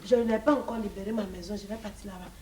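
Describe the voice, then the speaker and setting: A woman performing a comic sketch, blunt and deadpan. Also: mid-range voice, quick pace, recorded from a distance. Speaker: comedic actress playing a co-wife.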